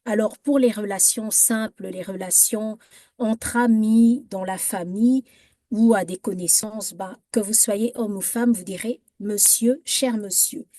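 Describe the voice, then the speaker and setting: A woman's voice: mid-range voice, steady tone, unhurried, warm tone, no echo. A woman giving an informal workshop talk on etiquette, hesitant and full of fillers, setting wrong phrases against correct ones. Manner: hesitant, many fillers and restarts.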